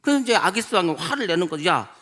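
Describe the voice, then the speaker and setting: A man's voice: sits high, animated, normal speed, pushed and bright. A male pastor preaching a sermon in an emphatic way, often acting out quoted voices.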